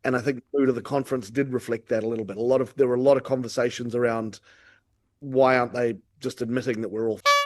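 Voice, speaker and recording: Man, New Zealand accent, medium pitch, candid, reflective, casual podcast guest. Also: steady tone, fast talker, a little mellow. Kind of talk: casual industry discussion.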